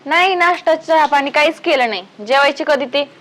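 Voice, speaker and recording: A woman's voice: sits high, a little fast, fairly bright tone, a little hiss or hum. A woman playing a worried, complaining wife in a village family drama. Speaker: daughter-in-law, wife.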